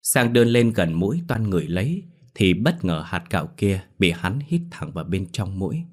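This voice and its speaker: A man narrating a ghost story audiobook in a steady storytelling manner. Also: low-pitched, moderate pace.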